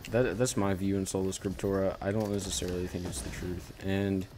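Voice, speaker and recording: A man giving casual commentary while he plays a game, rambling with halting starts and frequent self-corrections. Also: low voice, little pitch movement, a little mellow, slight background noise. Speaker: gaming channel host.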